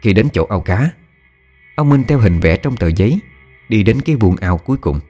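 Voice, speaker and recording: A man calmly narrating a scripted ghost story. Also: fairly low pitch, moderate pace, faint music behind.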